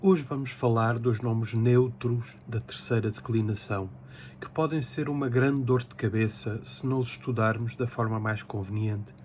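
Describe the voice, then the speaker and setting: A man from Portugal with a European Portuguese accent, giving a careful, slow lecture as a Latin teacher. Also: medium pitch, a little mellow, a little hiss or hum. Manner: slow, careful, spells out word forms. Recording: dull lo-fi sound.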